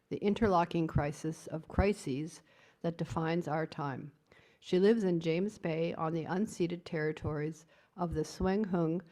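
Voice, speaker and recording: Lower-voiced woman reading an introduction. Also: dark tone. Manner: reads a prepared introduction. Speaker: service leader introducing the speaker. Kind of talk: formal introduction.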